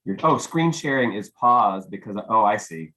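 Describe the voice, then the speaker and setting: A man, a little hoarse, chatting casually while setting up a video call as host. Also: on the low side, expressive, normal speed, sharp tone, poor audio. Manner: chatty, easygoing, mutters while working. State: losing his voice. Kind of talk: casual Zoom tech check. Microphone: computer mic on video call.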